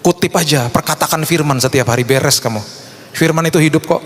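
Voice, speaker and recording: A man's voice: on the high side, a little fast. A middle-aged man preaching a sermon as pastor, fervent and dramatic. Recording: long hall reverb.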